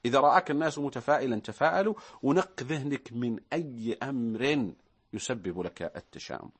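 A man speaks as a guest on a talk show, his voice slightly husky. He talks fast and with a lively, swinging pitch. He counts off points one by one and acts out short example voices. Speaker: guest expert. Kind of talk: studio talk show discussion.

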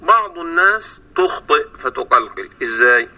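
A man with an Egyptian Arabic accent, teaching Quran recitation on a radio program and stretching sounds slowly to demonstrate them. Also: fairly high pitch, animated, bright, forceful tone. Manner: slow drawn-out sounds to demonstrate. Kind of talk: explaining pronunciation on a radio program. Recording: distant radio broadcast sound.

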